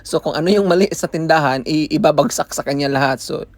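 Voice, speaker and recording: A man's voice: a little high, quick pace. A man from the Philippines telling a casual vlog story, switching between Tagalog and English and often laughing as he talks. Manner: chatty, laughs often through his stories. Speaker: vlogger.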